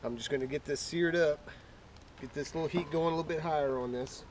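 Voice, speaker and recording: A man's voice: fairly high pitch, brisk. Male cooking show host, casual, noisy recording. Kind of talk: casual cooking demonstration, talking through each step. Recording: clearly noisy background with clicks.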